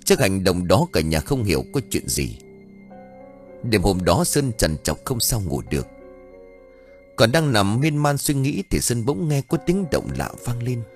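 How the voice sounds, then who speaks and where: A man's voice: lowish voice, sing-song, measured pace, soft background music. A man reading a horror story aloud as an audiobook narrator, telling it in a dramatic way.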